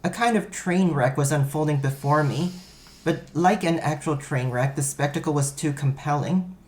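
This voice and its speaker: A man's voice: on the high side, normal speed. A man reading a first-person story aloud, in a wry, self-mocking storytelling manner. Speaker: narrator.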